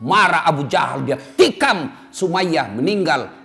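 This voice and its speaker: A man preaching a humorous sermon, animated and joking, acting out little dialogues. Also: on the high side, measured pace, gravelly, faint music behind. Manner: animated, jokes and acts out dialogue.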